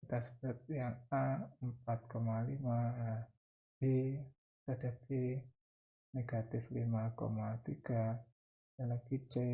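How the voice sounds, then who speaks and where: A man's voice: mid-range voice, gravelly, warm tone, lo-fi sound. A man with an Indonesian accent teaching mathematics step by step, dictating in short phrases and repeating key terms. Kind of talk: spoken math lesson, explaining step by step.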